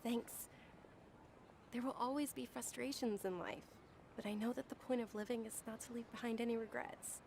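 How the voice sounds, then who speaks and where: A sincere young festival organizer. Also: female voice, on the high side, fairly even intonation, normal speed, creaky, background noise. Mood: heartfelt. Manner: soft, heartfelt. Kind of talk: dubbed game voice acting.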